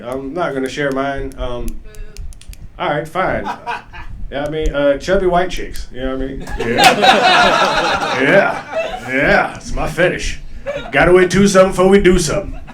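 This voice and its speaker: A man's voice: medium pitch, normal speed, fairly bright tone, a little hiss or hum. Laughing, profane stand-up comedian man. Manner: loose, profane, laughing storytelling. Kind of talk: stand-up set. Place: comedy club stage.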